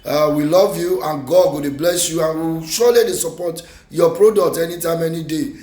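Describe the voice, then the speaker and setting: A man's voice: fairly high pitch, a little fast, a little mellow, soft background music. A man with a Nigerian accent hosting an interview in Nigerian Pidgin, effusive and full of blessings. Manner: effusive, repeatedly giving blessings. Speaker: interviewer, TV host. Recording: echoey room.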